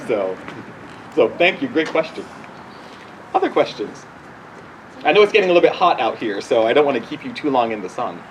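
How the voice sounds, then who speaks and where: A Barbadian bishop in his forties answers questions informally outdoors at a church gathering, speaking haltingly and conversationally and frequently restarting his sentences. His mid-range voice swings widely in pitch. The audio is poor, with slight background noise.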